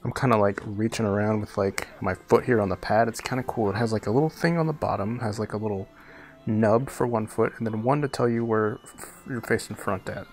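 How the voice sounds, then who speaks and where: A man's voice: on the low side, a little fast. A man hosting a let's play, giving casual gameplay commentary in a laid-back, slangy way. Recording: game music faintly behind the voice.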